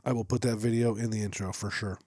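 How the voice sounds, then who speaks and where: A young man with a lowish voice chats about his hunting weekend in a rambling, loose way, wandering into asides as he goes. He is recorded close on a headset mic in a small shop studio. The sound is completely dry. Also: quick pace, no room sound. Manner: rambling and animated, trailing off into asides. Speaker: podcast co-host. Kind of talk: casual chat. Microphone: headset or boom mic.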